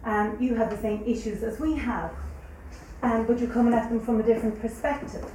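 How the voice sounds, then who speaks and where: A woman academic giving an unscripted, halting comment at a conference, recorded at a distance in an echoing, noisy room. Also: a little high, fairly even intonation. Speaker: business academic.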